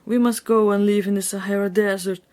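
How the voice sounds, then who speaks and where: A woman's voice: medium pitch, flat delivery, brisk, a little mellow, voice pushed up, lightly acted. A woman voicing a storybook mother with theatrical, declaiming delivery. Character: dramatic, reassuring mother in a storybook.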